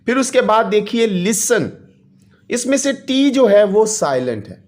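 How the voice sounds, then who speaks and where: Slow, patient teacher; reads English, then translates for kids. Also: mid-range voice, very animated, a little mellow. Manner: patient, addresses children, adds polite fillers. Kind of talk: slow explanatory lesson.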